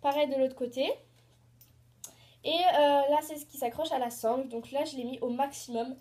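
A teenage girl chatting excitedly in a casual show-and-tell vlog, rambling with lots of hesitations and fillers. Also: high voice, moderate pace. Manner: excited, gushing. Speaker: horse-riding vlogger.

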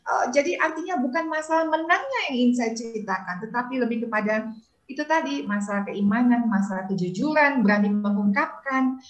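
A woman's voice: a little high, brisk. A middle-aged woman speaking as a parenting motivator on a talk show, telling family stories with frequent "eh" fillers and small chuckles, heard over a video call. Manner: anecdotal, frequent "eh" fillers, chuckles mid-sentence. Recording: roomy video-call audio.

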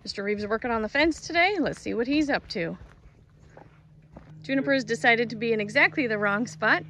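Woman vlogger, phone held out in a garden, slightly high, gravelly, cheerful chatter. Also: animated, a little fast, bright, forceful tone, a little hiss or hum, poor audio. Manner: chatty and cheerful, exclaiming over her plants. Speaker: homesteading vlogger. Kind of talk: casual garden tour. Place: outdoor garden and greenhouse.

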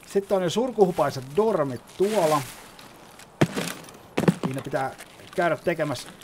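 A man's voice: a little high, animated, very noisy. A man giving casual gameplay commentary, explaining as he plays and swearing often. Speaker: gaming YouTuber.

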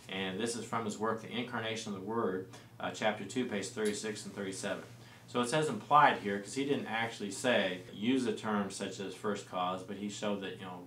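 A man in his forties with a fairly low voice talks through church history in a relaxed, explanatory way, often pausing on fillers and restarting phrases. He sounds a little distant from the mic in a roomy space, with a faint hiss behind him. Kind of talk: explanatory studio discussion. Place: small studio set with lamp and plants.

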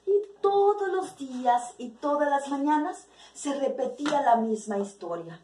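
Mexican storyteller, high and unhurried, hollow distant room sound. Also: female voice, a little hiss or hum. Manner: expressive, with clucking sound effects. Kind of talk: storytelling a fable. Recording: echoey room from far off.

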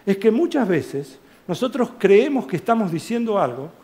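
High-voiced Argentine man telling an anecdote. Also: moderate pace. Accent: Argentine Spanish. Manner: animated anecdote with quoted dialogue and asides. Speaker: author presenting his book. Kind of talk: storytelling talk to a theater audience. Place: large theater stage.

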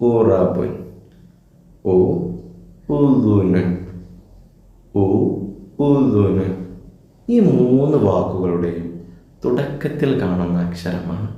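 Slow, patient man teaching in an echoey room. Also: mid-range voice, mellow. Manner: patient, asks questions and answers them himself. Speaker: Arabic letters teacher for children. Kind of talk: children's lesson.

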